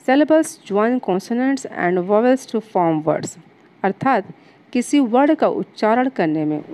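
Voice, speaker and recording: Lady english teacher explaining grammar to kids, super slow dictation pace, warm low-key tone. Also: low-quality recording. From India. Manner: slow, dictation-like reading of English definitions, then explains in Hindi; addresses students directly, patient and explanatory. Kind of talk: classroom grammar lesson.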